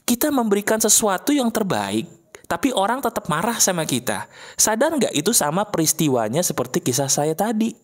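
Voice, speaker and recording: A man's voice: high-pitched, big pitch swings, brisk. A man gives a motivational talk as a voice-over for an animation. He addresses his listeners as friends in a direct way. He keeps checking in with rhetorical questions. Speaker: motivational speaker.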